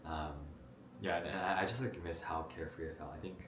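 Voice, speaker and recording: A young vlogger from New Jersey, United States, talks casually to his camera about his life, rambling loosely with fillers and restarts. His very low voice has fairly even intonation and a brisk pace, recorded on the camera mic in an echoey room with faint hiss underneath.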